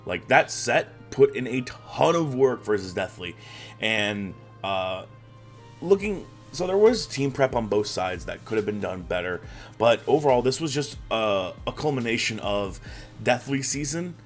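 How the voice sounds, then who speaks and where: A man's voice: medium pitch, lively intonation, a little slow, soft background music. A man hosting a weekly league recap in a loose, chatty way, with a groggy morning voice and plenty of fillers and restarts. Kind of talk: casual recap commentary.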